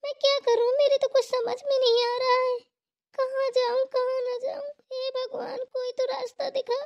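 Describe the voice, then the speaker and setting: A woman's voice: very high-pitched, flat delivery, normal speed, gravelly, dull audio, heavy background noise. A woman voicing an emotional young married woman, a tearful and self-pitying sister, in a cartoon. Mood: lamenting. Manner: pleading, lamenting. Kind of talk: cartoon voice acting.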